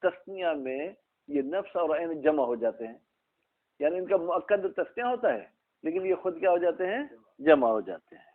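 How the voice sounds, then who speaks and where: A man teaching an Arabic grammar class, explaining slowly and quizzing his students by name. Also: on the high side, very animated. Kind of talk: classroom lesson, questioning students. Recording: tinny phone-like recording.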